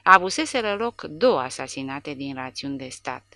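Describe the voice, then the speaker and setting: Woman, audiobook narrator, measured dramatic reading, bright tense tone, low pitch. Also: animated, no room sound. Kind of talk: scripted narration.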